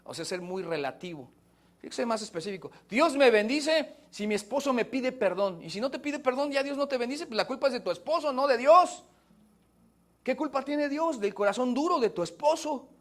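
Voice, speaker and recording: A man preaching a sermon to his church, swinging between loud rhetorical questions and quiet, low asides. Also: expressive, a little fast. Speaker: pastor.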